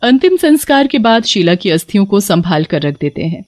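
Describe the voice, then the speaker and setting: A woman narrating an animated horror story in a steady, even storytelling manner. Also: mid-range voice, a little fast, no room sound, clean studio sound. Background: faint music.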